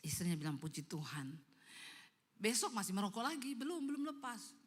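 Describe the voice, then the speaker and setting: A woman's voice: fairly high pitch, very animated, quick pace, slightly rough, big-room sound. A woman pastor preaching a sermon, telling stories emphatically and calling out to the congregation.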